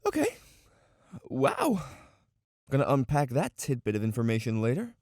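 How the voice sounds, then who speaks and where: A man's voice: mid-range voice, wildly swooping pitch, normal speed, a little mellow, no echo, clean studio sound. An actor playing a sarcastic, jokey young male newcomer agent in an audio drama. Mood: wry.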